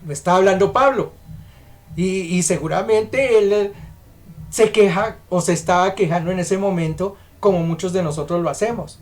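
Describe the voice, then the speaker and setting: A man's voice: high-pitched, normal speed. A man preaching a sermon, emphatic and questioning, putting rhetorical questions to the congregation.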